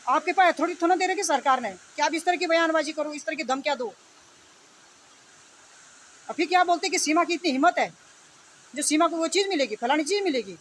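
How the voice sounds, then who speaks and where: A woman whose voice sits high talks a little fast but leaves long pauses as she delivers an unscripted, indignant rant. This online video commentator scolds and confronts her opponents with repeated phrases and rhetorical questions, over steady background noise.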